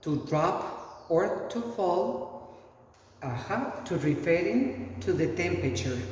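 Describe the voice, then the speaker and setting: A man teaching English, reading out word lists one word at a time in a slow, deliberate drill. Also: fairly high pitch, mellow, slight background noise. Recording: echoey room from far off.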